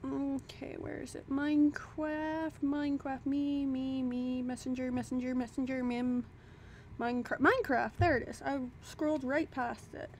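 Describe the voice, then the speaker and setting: Playing a block-building game for her YouTube audience, a woman with a fairly high voice keeps a steady tone and moderate pace. She rambles cheerfully into a desk mic at her home computer, poking fun at herself and muttering while she sorts her things, with a faint hiss beneath her voice.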